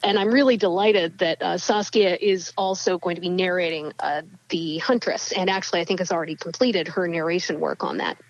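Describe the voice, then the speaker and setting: A woman's voice: on the low side, fairly even intonation, a little fast, few pauses, lo-fi sound. A woman novelist answering interview questions in a chatty way, with many fillers and restarts. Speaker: novelist guest.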